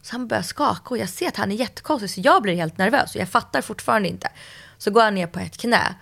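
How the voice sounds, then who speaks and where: Kvinna med knarrig röst berättar livligt. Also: female voice, medium pitch, gravelly. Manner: lively storyteller, acts out quotes. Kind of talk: casual chat.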